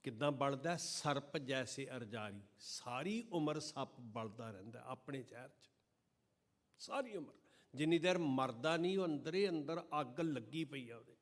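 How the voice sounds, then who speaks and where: A man preaching a sermon to a congregation at a gurdwara, chanting and singing scripture lines slowly between passages of fervent preaching. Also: fairly high pitch. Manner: addresses the congregation directly. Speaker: Sikh preacher giving katha. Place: gurdwara hall during an evening service.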